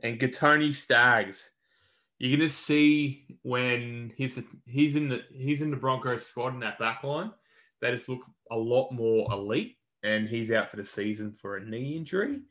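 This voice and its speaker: A man's voice: medium pitch, unhurried, bright, forceful tone. An Australian man co-hosting a podcast, giving a casual, colloquial rundown of sports news in a matey way. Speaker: podcast co-host.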